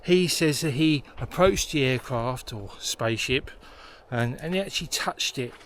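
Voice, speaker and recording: A man's voice: mid-range voice, expressive, moderate pace, fairly bright tone. A man hosting a vlog and explaining things as he goes, recorded outdoors in a forest. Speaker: host. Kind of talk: explanatory vlog narration on location. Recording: noisy outdoor location sound.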